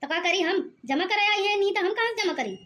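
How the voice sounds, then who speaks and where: Shrill dismissive cartoon village wife, awadhi accent, fast and snippy, woman doing the voice. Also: lively intonation, bright, forceful tone, slight background noise, heavily acted. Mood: defiant. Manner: scolding, curt. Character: sharp-tongued village wife, dismissive of her husband. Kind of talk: cartoon voice acting.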